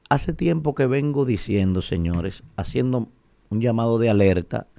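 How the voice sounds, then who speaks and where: A man in his forties with a Dominican Spanish accent delivers emphatic, rhetorical opinion commentary on the radio, asking "¿verdad?" over and over. His fairly low voice has vocal fry and a mellow quality. He's indoors in a radio studio on a boom-arm studio mic, and the recording is dry.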